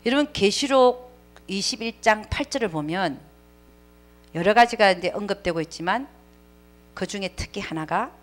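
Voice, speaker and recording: A woman pastor telling a testimony in a sermon, swinging between hushed whispers and loud exclamations. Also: mid-range voice, lively intonation, normal speed, long pauses. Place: church.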